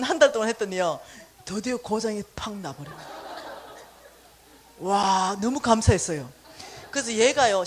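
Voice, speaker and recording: A middle-aged woman giving a church finance lecture as lively storytelling, acting out dialogue with exaggerated voices. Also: on the high side, a little hiss or hum. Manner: animated, acts out dialogue with exaggerated voices and laughs.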